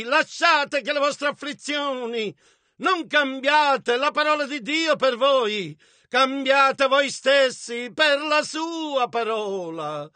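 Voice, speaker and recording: A man interprets a sermon phrase by phrase in a very high, bright voice. He speaks slowly and with emphasis, shouting where the preacher shouts, and the sound is close and dry. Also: dry recording.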